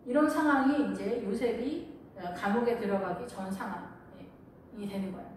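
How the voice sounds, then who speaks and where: A woman pastor preaching a sermon, telling stories in an animated way and acting out the quotes. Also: mid-range voice, moderate pace, a little hiss or hum. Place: church sanctuary. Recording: echoey church hall from far off.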